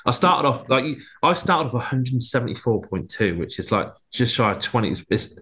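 A man's voice: mid-range voice, expressive, normal speed, a bit bright. A British man chatting casually and informally, with a self-deprecating way of talking. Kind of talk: casual chat.

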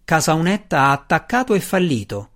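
A man reading the part of an old, withered and powerful dark elf matron mother, calm and commanding. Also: fairly high pitch, normal speed. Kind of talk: audiobook reading.

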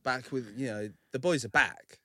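A man's voice: medium pitch, moderate pace. A man co-hosting a podcast, chatting casually and joking around in a playful way. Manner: playful, jokey, lively delivery. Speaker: podcast co-host. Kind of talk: casual chat.

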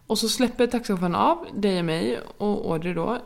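A woman's voice: mid-range voice, creaky. A woman co-hosting a casual podcast, a chatty, giggly storyteller. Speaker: podcast co-host. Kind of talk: casual chat.

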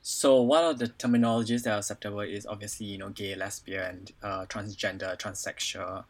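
This twenties-aged podcast guest with a Singaporean accent has a fairly low, steady voice and speaks fairly quickly. His casual personal talk is hesitant, packed with "like" and "you know".

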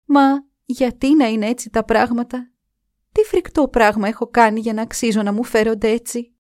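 A woman's voice: on the high side, steady tone, a little mellow, dry recording, studio quality, pitched above the performer's own voice, lightly acted. A woman voicing a despairing, anguished woman who pleads with a spirit in a raised, strained voice. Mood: bewildered.

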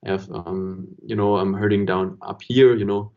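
A podcast host talks in a casual conversation, reflective and rambling, often saying "you know." His lowish voice holds a steady tone at a moderate pace, and the podcast audio sounds dull and lo-fi.

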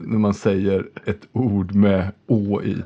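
A man's voice: fairly low pitch, level tone, slightly rough, lo-fi sound. A man hosting a casual podcast, chatty and joking, swearing now and then. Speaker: podcast host.

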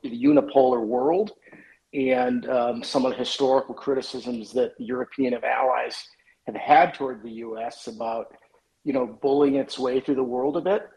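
A man from the US West Coast calls in to a discussion with a mid-pitched voice. He talks in a measured, thoughtful way with a few fillers. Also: mellow, poor audio. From west coast of the United States. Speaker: caller. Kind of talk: casual call-in comment.

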